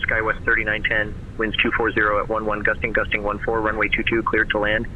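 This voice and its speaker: Clipped male controller over headset radio. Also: on the low side. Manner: flat, rapid-fire, businesslike. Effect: muffled air traffic radio heard over a cockpit headset. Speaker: air traffic controller. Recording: muffled radio audio with faint engine hum.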